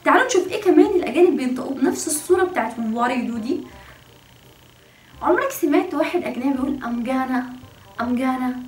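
A young Egyptian woman hosting a casual video lesson, explaining chattily and slowly sounding out words to demonstrate pronunciation. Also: high-pitched, animated, slight background noise. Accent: Egyptian Arabic. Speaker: language teacher and channel host. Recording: roomy echo, mic at a distance.

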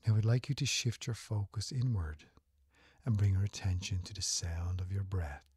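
A man with a deep voice narrates a guided meditation, gentle, soothing and unhurried, his breathy, husky tone frequently falling near a whisper. There is no echo on the recording.

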